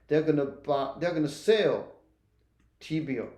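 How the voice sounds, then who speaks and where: A man with a fairly high voice lecturing on economics in an echoey room. He keeps asking "right?" and often restarts a phrase mid-sentence as he walks through the material. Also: lively intonation, measured pace, darkish tone. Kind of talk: recorded lecture.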